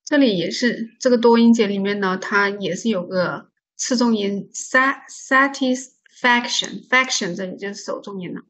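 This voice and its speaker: Woman, vocabulary teacher; steady mid-pitched voice, patient, drills each word by repetition. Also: normal speed, few pauses. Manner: patient, repeats words to drill pronunciation; explains stress and silent letters step by step. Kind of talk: online vocabulary lesson.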